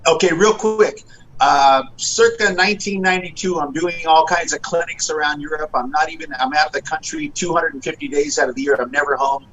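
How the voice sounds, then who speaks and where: A middle-aged man telling his story in a relaxed chat over a video call, his voice a little higher than most men's, with quoted lines acted out and plenty of "uh" and "um". A faint hiss runs under his voice. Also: fairly quick, low-quality recording. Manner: animated, acts out quotes, frequent fillers. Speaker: guest guitarist.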